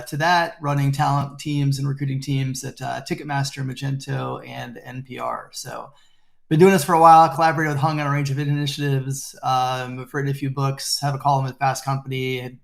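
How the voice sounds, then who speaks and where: Middle-aged guy, gravelly voice, laid-back and modest, on a video call panel. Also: medium pitch. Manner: relaxed, modest, with fillers. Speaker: panel guest, talent leader. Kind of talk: casual self-introduction.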